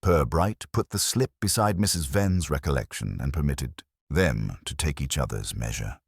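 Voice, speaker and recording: Literary detective fiction is narrated by a man whose extremely deep voice is gravelly and slightly rough. His delivery stays formal, dry and measured, yet expressive, with widely moving intonation, and the close, dry recording carries no room sound.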